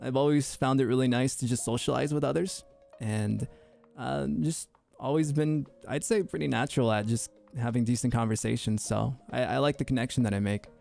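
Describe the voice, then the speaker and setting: Gravelly young man joking on stream. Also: medium pitch, darkish tone, faint music behind. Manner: goofy, joking, quick to laugh; stammering restarts. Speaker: VTuber streamer. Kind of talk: casual livestream chat.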